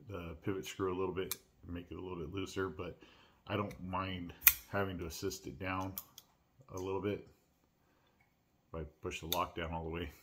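A man hosting his own channel, unboxing and reviewing a pocket knife in a relaxed, chatty way with lots of "uh"s and restarts. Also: deep voice, a little hiss or hum. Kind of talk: casual unboxing and product review. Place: at home.

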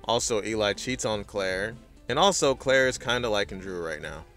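A man's voice: lowish voice, animated, moderate pace, fairly bright tone, soft background music. A man hosting a recap video with casual scripted commentary, blunt, opinionated and sweary.

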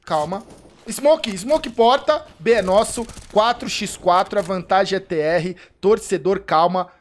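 A man with a Brazilian Portuguese accent giving excited live commentary on an esports match, breaking into shouts at big plays and repeating pleas for calm. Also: sits high, moderate pace, a little hiss or hum. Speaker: streamer casting an esports match.

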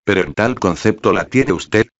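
A man's voice: lowish voice, moderate pace, dull audio, close to an everyday voice. Man reading as a smug, ironic young rival. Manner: ironic, lecturing. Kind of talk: audiobook dialogue reading.

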